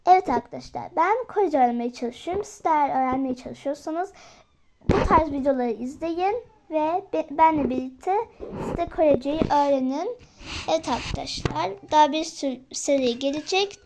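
High-voiced young woman, chatty tutorial. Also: darkish tone, a little hiss or hum. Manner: chatty, often addresses viewers as friends, hesitant fillers. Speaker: vlogger teaching herself Korean. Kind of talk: casual tutorial vlog.

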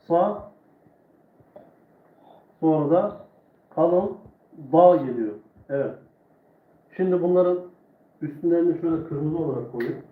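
Guy teaching quran letters live, slow patient drills, tinny phone sound. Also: a little high, roomy sound. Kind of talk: live online lesson.

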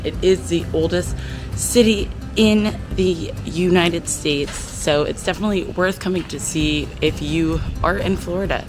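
A woman travel vlogger talking outdoors in a historic town in a chatty, enthusiastic, informal way. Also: on the low side. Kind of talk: travel vlog narration.

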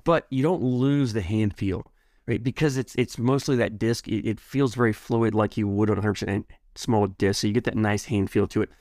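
A man's voice: lowish voice, normal speed, darkish tone, no room sound, clean studio sound. A man giving a casual, enthusiastic product review, rambling a bit with restarts and repeated words.

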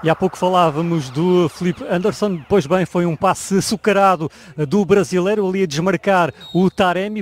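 A man with a European Portuguese accent analysing play as a radio football pundit. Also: high voice. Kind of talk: match analysis commentary.

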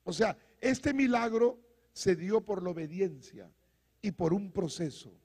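A male pastor preaching a fiery sermon, calling out to the congregation and rising to shouts. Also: sits high, lively intonation, measured pace, slightly rough. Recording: long hall reverb.

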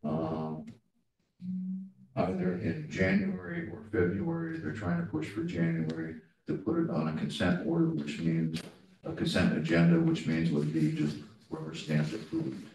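A man giving a project update to a board committee, with many ums and pauses, recorded in a conference room from a distant camera. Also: creaky, crowd noise. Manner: halting, many ums, animated pitch swings. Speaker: staff member reporting to a board committee. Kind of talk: meeting update. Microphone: far room camera. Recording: very echoey room, distant mic, faint noise.

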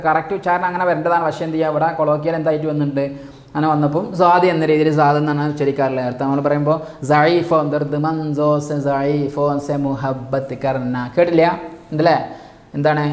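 A man gives an online class lecture, asking his own questions and answering them. He talks quickly in a slightly high voice. The sound is echoey, as if in a bare room. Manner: quizzing rhetorical questions and answering them himself. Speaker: teacher.

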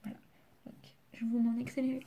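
A woman's voice: on the high side, completely flat delivery, quick pace, lo-fi sound, heavy background noise. A teenage girl from France doing homework on camera, chatting casually with many fillers and sometimes dropping to a murmur. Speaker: student vlogger. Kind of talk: casual study vlog.

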